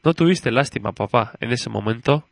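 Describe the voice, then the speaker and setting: A man's voice: medium pitch, expressive, moderate pace, vocal fry, no room sound. A man reading a story aloud and voicing a curious, chatty little girl who keeps questioning her father. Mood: innocent curious.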